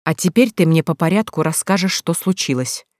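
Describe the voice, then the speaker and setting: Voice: medium pitch, moderate pace, husky, no room sound, studio quality, lightly acted. Narrator doing a furious stern older brother. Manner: loud, insistent, scolding. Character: angry older brother, young man, stern and commanding.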